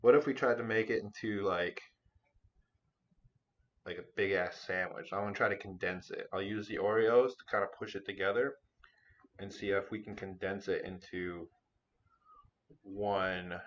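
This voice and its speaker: A man's voice: sits low, steady tone, normal speed, long pauses, lo-fi sound. A man vlogging casually at home, rambling and swearing while he talks to viewers as he works with food. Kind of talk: casual vlog commentary while cooking. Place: home room with cat hair around.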